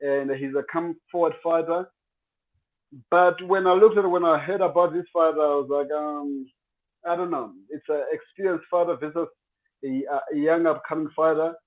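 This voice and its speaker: Man on a glitchy video call, tinny phone-like sound, halting speech, fairly high voice. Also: steady tone. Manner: halting, repeats words. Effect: bad video call connection, cutting in and out. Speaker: boxer guest. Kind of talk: remote interview.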